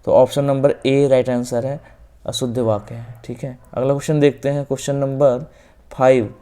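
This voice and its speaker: Calm, flat-toned male Hindi teacher. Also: mid-range voice, normal speed, clean tone. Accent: Hindi-speaking North Indian. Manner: explains step by step, repeats answers, often says "ok". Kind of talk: exam-prep lesson walking through questions.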